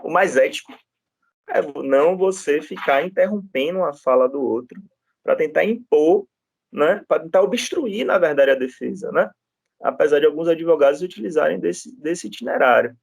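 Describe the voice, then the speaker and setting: Male lecturer, higher register, relaxed storytelling with many tag questions. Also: normal speed, gravelly, slightly rough, no room sound. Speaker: law lecturer. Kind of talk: classroom lecture with anecdotes.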